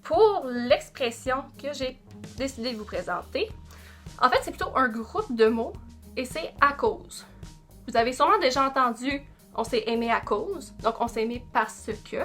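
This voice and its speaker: A woman's voice: sits high, lively intonation, normal speed, a bit bright, faint music behind. A woman from Lac-Saint-Jean with a Lac-Saint-Jean Quebec French accent, asking questions as she chats to camera. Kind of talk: casual vlog talk to camera.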